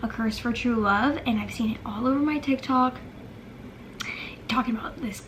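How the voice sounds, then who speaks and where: A woman's voice: a little high, normal speed, a bit bright, a little hiss or hum. A young woman chatting casually about books she loved, gushing and emotional, with lots of filler words. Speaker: book vlogger. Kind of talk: casual chat.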